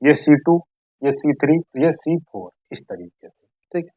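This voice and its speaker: A woman teaching math in a classroom style, asking questions and answering them herself, often checking whether listeners follow, and stretching out key terms slowly. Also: low voice, big pitch swings, dark tone, no room sound, low-quality recording.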